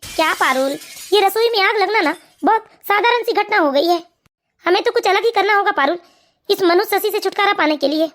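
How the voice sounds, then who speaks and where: A woman voicing a cruel, hot-tempered young husband in an animated family story, with blunt, gruff threats. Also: extremely high pitch, fairly quick. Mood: scheming.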